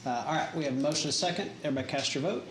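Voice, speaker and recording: A man's voice: fairly high pitch, racing. A man presiding over a public government meeting, speaking in procedural terms as its chair. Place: government meeting chamber, indoors. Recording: echoey, noisy public meeting room.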